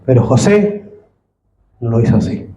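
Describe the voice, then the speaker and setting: Brief: man, earnest fervent sermon, mellow tone, echoey church. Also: mid-range voice, expressive, moderate pace, highs cut off, slight background noise. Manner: earnest, rising to fervent appeals. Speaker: pastor. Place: church hall.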